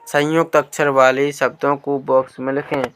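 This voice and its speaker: Flat-voiced man teaching a lesson. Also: mid-range voice, moderate pace, a little hiss or hum. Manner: patient, repeats and asks questions. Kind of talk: workbook lesson walkthrough.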